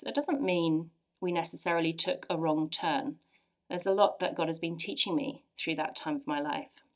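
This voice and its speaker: A woman in her forties from England, with an English accent, shares her personal testimony with a church audience. Her voice is a little low, and she tells her story earnestly, with lively bursts of emphasis.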